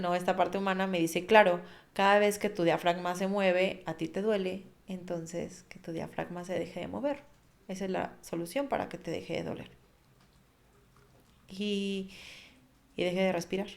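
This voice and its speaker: A woman, a podcast guest, earnestly recounting a personal story and vividly acting out what people said. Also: medium pitch.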